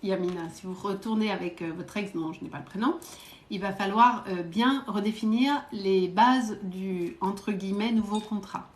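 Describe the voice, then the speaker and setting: A woman psychic medium giving quick readings to viewers during a live stream, direct and coaxing, often adding little verbal tags. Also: medium pitch, reverberant. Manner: brisk, direct, coaxing, peppered with "hein" and "euh".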